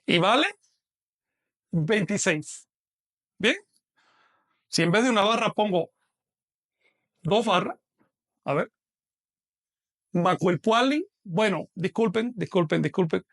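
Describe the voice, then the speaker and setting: A man's voice: high-pitched, slow, pauses often, fairly bright tone. A man teaching a live online lesson, patiently explaining step by step and asking questions that he then answers himself.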